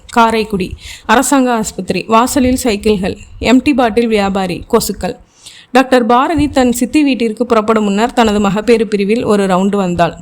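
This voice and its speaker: A woman's voice: a little high, a little mellow. A woman reading a thriller novel aloud as an audiobook, speaking every character's dialogue in her own voice. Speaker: audiobook narrator.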